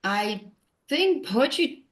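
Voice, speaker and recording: A woman from Turkey, a poet and translator, talking reflectively in an interview, thoughtful and halting with many fillers and restarts. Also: a little high, very animated, a bit bright.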